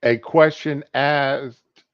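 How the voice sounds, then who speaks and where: A man's voice: mid-range voice, steady tone. A man who has just woken up, rambling casually and without hurry as he hosts a live stream. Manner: just woke up, unhurried. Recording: boxy echoing room, dull sound.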